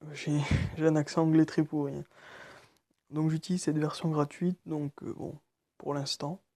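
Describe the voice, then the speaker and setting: A nervous man walking through a phone tutorial, speaking quietly and haltingly with many fillers. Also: fairly high pitch, flat delivery, no echo. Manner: speaking quietly late at night. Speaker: tutorial maker. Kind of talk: screen-recorded phone tutorial.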